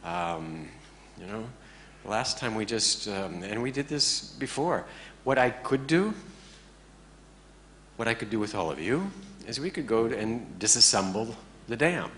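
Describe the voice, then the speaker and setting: A man with a somewhat low voice leads a meditation class in an easy, conversational way. He mixes dry jokes into the lesson and keeps checking that his listeners are following. A faint hum sits under his speech. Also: lively intonation, a little slow, fairly bright tone. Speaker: meditation teacher. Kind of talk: informal talk to a class.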